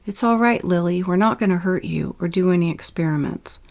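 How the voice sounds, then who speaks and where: A woman voicing a calm alien captor, who speaks in a reassuring way. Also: fairly low pitch, brisk, vocal fry.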